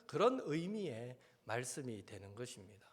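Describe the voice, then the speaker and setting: A man's voice: medium pitch, big pitch swings, normal speed, slightly rough, in a large hall. A man with a Gyeongsang accent preaching a sermon as pastor, earnestly putting questions to his congregation and mixing in homely stories. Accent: Gyeongsang Korean.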